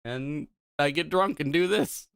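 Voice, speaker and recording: A man's voice: fairly high pitch, creaky, a bit bright, clean tone, no echo, studio quality. A tipsy man, a gaming streamer, chatting casually on a live stream into a desk microphone, rambling, swearing casually and laughing at himself.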